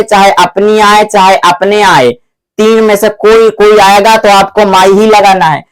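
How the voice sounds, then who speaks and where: This grammar teacher's high-pitched, fairly bright voice comes through a low-quality recording. With a Hindi-speaking North Indian accent, he runs a classroom-style video lesson, calling viewers his children while asking and answering his own questions.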